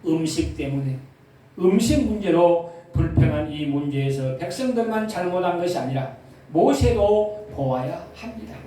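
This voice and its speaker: A male pastor with a high, mellow voice preaches a sermon, posing questions to the congregation as he goes. The recording is echoey and distant, captured in a church sanctuary, with a little hiss or hum.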